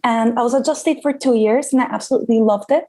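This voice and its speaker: A woman's voice: a little high, fast talker, dark tone. A woman in her thirties from Costa Rica, a guest chatting casually about her career, with frequent ums. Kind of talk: casual interview.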